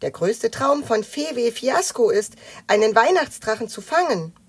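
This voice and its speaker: A woman voicing a small male creature from a grumpy folk in a children's audiobook, thoughtful and bright. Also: high-pitched, sing-song, a little slow, pitched above the performer's own voice.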